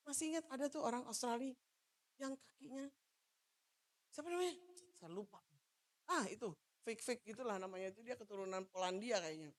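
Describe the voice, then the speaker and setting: A woman pastor from Manado giving a loud, animated sermon, joking with the congregation and moving about as she preaches. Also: high voice. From Manado, Indonesia. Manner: jokes with the congregation. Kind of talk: lively sermon.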